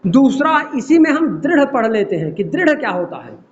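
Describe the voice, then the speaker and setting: A man's voice: extremely high pitch, very animated, normal speed, a little hiss or hum. A man teaching a physics class, explaining with everyday examples and often asking the students whether they follow. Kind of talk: classroom lecture. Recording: dull lo-fi classroom recording.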